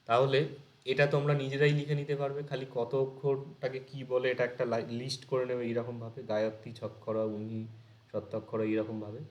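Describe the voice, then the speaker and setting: A man's voice: medium pitch, monotone, moderate pace, echoey room. A man teaching an exam-prep lecture, explaining notes step by step and quizzing his students.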